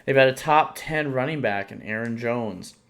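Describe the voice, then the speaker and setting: A man's voice: medium pitch, normal speed, a bit bright. A man co-hosting a sports podcast in casual chat, rambling with lots of fillers and restarts. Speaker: podcast co-host.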